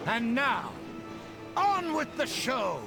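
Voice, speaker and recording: A grandiose male master of ceremonies from a fantasy game. He declaims pompously in a high, sweeping voice at a stately pace, with loud orchestral music behind him. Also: wildly swooping pitch, slow, creaky, full character voice. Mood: grand, suspenseful. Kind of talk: stage melodrama in a video game.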